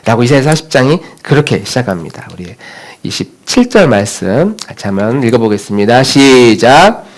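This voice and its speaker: A man's voice: medium pitch, very animated, normal speed. A man preaching a sermon as pastor in a church, talking conversationally and putting questions straight to the congregation.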